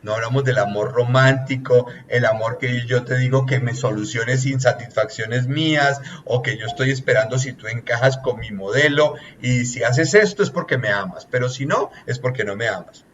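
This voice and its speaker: A man's voice: medium pitch, moderate pace, hardly any pauses, a bit bright, dull audio. A man, a relationships consultant giving an earnest, teacherly coaching talk that lists points one by one.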